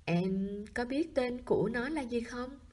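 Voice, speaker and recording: A woman's voice: on the high side, measured pace, mellow, voice pushed up. A woman voicing a lonely young man who teases and playfully challenges a child, in an audiobook. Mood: teasing.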